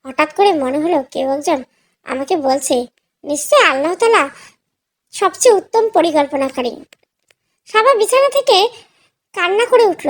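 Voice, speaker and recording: An emotional story is told in the first person by a woman whose voice is extremely high, in a scripted, dramatic and mournful style.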